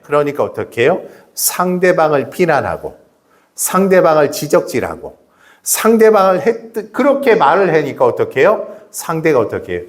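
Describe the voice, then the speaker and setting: A man's voice: fairly high pitch, very animated, moderate pace. A middle-aged man preaching a sermon in a church, keeping up rhetorical questions and calling out to members of the congregation. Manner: chats directly with the congregation. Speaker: pastor. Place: church sanctuary.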